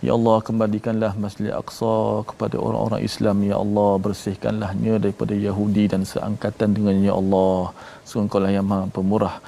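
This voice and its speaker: A man leading a recited supplication prayer, repeating invocations in a steady rhythm. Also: fairly low pitch, gravelly, slight background noise. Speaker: religious teacher leading prayer.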